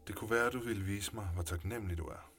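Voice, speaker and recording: A man voicing a bold, teasing young woman in a story reading, calm and low-key. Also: slightly rough. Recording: music playing underneath.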